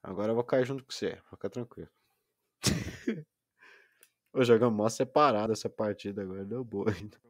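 Low-voiced gamer streaming. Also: male voice, fast, no echo, studio quality. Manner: patient, explaining step by step. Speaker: gaming livestreamer. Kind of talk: casual gaming stream chat.

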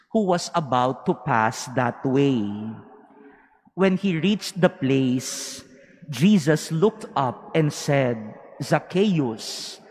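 A man serving as a priest, proclaiming the gospel at Mass in a measured, solemn way, his voice ringing with cathedral echo. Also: a little high, a little mellow. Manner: measured, solemn, deliberate delivery. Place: large cathedral. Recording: long reverb of a large cathedral.

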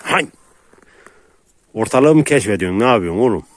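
Low-voiced man coaxing dogs outdoors. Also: expressive, moderate pace, no room sound. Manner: coaxing, chuckling, calls dogs in a hushed voice. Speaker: dog owner filming his dogs. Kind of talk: casual vlog talking to dogs and viewers. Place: outdoors in a rural yard.

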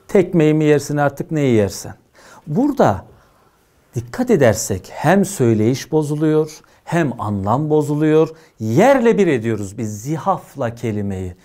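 Emphatic male teacher, lively pitch. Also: a little slow. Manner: emphatic, repeatedly checks students' understanding. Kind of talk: exam prep lecture.

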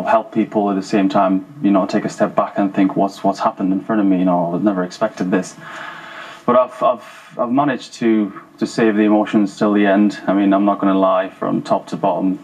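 A man in his thirties, originally from Afghanistan, speaking as a guest in a TV studio interview. He talks haltingly, with repeated words and fillers, into a lapel mic. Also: low-pitched, a little mellow, slightly rough, rough recording. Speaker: former paratrooper guest. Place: TV studio sofa.

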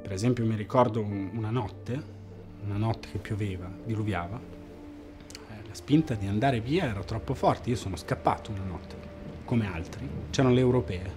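Man acting disillusioned ex-party member, lowish voice, flat delivery, mockumentary interview. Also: normal speed, lightly acted. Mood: deadpan. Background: background music.

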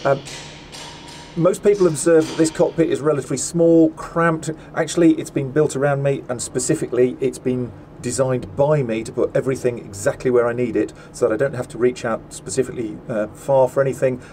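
A middle-aged man, a land speed record driver, gives a methodical, measured cockpit tour with frequent ums and uhs. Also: mid-range voice, steady tone, warm tone, a little hiss or hum. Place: seated in a car cockpit inside a large workshop. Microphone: small camera mounted in the cockpit.

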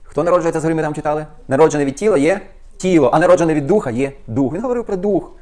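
A male pastor preaching a sermon with fervent, quick delivery, asking the congregation rhetorical questions and reading scripture aloud. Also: on the high side, expressive, darkish tone. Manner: reads scripture aloud and comments on it.

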